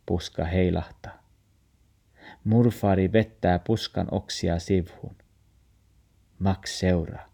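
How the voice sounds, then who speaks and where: A man reading a children's story aloud in a calm, even manner. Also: deep voice, vocal fry, pauses often. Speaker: narrator.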